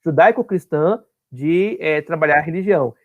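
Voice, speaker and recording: A man's voice: on the high side, normal speed, narrow, tinny audio. A man teaching an online class, explaining step by step and often checking that his students follow.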